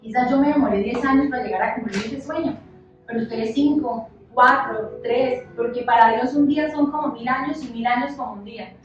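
A woman in her thirties, a church leader giving an impassioned, conversational sermon that swings between loud and soft. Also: on the high side, brisk. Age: 30s. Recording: echoey, dull church hall sound with music, mic at a distance.

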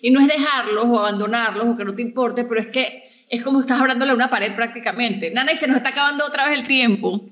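A woman hosting a relaxed podcast chat. She backs up her guest's points, restates them in her own words and steers the talk toward its close. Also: fairly high pitch, fast talker, hardly any pauses, highs cut off. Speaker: podcast host. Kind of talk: casual podcast conversation.

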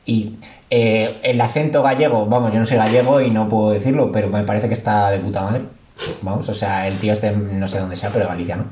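A man's voice: on the low side, steady tone, a little fast, mellow, slight background noise. Rambling man in echoey room. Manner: rambling, filler-heavy storytelling. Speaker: podcast guest. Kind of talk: casual podcast chat.

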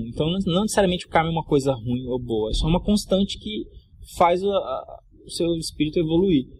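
Speaking with a slightly high, darkish voice over faint background noise, this middle-aged Mato Grosso man, an actor and comedian, chats as a podcast guest. He laughs a lot while loosely recounting a travel story in slang.

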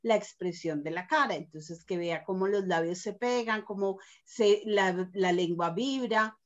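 A woman's voice: medium pitch, measured pace. A woman speaks reflectively in a casual discussion, often restarting her sentences as she works through a thought. The recording is dull and lo-fi. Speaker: mother. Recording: dull lo-fi sound.

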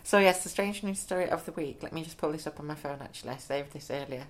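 This podcast co-host talks fast in a voice on the high side, chatting casually. He reads articles out loud, sprinkling in amused, chatty remarks as he goes.

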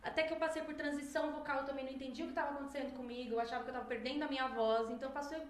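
A young adult woman, a singer guesting on a podcast, telling stories in a lively, animated way with quoted voices. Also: high voice, racing. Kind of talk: casual storytelling chat. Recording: roomy echo, faint noise.

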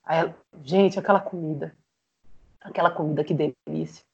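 A Brazilian woman, a podcast guest, telling a personal story in an animated way, acting out remembered conversations with frequent restarts. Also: sits low, moderate pace, creaky, muffled recording. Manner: animated, acts out remembered dialogue with many restarts.

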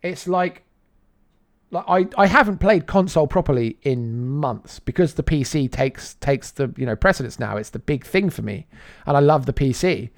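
A man co-hosting a casual gaming podcast, animated and quick to laugh, acting out quoted lines. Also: fairly high pitch, dry recording, studio quality. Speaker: podcast co-host. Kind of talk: casual chat.

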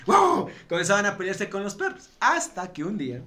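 A man with an Ecuadorian accent hosts a casual podcast chat, telling stories in slang and laughing often. His voice is pitched high for a man. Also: very animated, fairly quick, sharp tone. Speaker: podcast host.

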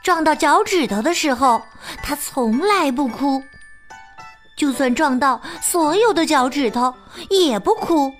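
A woman narrating a children's story in an expressive, playful way. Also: high-pitched, measured pace, soft background music.

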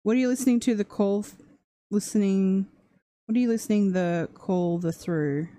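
A woman's voice: mid-range voice, moderate pace, mellow, no echo. A woman casually thinking aloud as she tries to make out the words of a recording, often hesitant and puzzling over phrases. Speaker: streamer transcribing a recording.

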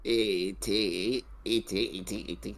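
A man voicing a slow, croaking little male space creature who drags his words out in a dopey way for a comedy bit. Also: fairly low pitch, steady tone. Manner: drawn-out, creaky, dopey speech. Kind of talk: improvised comedy role-play.

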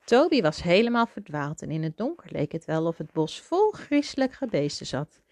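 Expressive woman reading a storybook aloud. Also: lowish voice, normal speed, no echo, clean studio sound. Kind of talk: reading a children's book aloud.

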